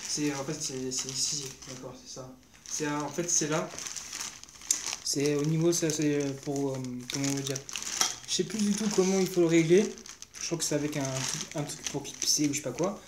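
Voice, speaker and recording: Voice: medium pitch, normal speed. Young vlogger rambling through an unboxing, lots of um and searching for words, echoey room, noise and crinkly packaging in the back. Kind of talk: casual unboxing commentary. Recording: roomy echo with clear background noise and crinkling.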